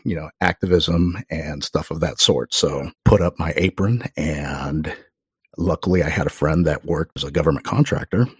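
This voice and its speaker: A middle-aged man with a very low, husky voice tells stories in a relaxed, chatty way. He jumps up in pitch and volume whenever he acts out what others said. The sound is close and dry. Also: moderate pace, no room sound. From Oklahoma. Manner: animated storyteller, loudly acts out quoted voices. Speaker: podcast guest. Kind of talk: casual storytelling.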